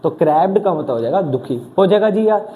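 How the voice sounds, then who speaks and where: High-voiced man teaching vocabulary. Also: fairly quick. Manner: lively, asks students questions and answers himself. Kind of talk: exam coaching lesson.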